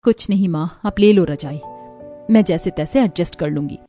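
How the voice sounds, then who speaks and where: Teen girl in a cartoon, neglected and pleading, voiced by a woman, mellow tone, faint music behind. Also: on the low side, moderate pace, close to an everyday voice. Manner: pleading, hurt tone. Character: 17-year-old girl, neglected and longing for love. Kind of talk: cartoon voice acting.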